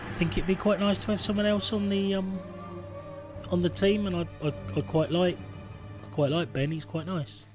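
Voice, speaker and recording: A man's voice: high-pitched, fairly even intonation, normal speed, over music. A man in his forties streaming a strategy game, rambling and self-deprecating while reading the on-screen text aloud. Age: 40s. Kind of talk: casual gameplay commentary. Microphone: phone camera.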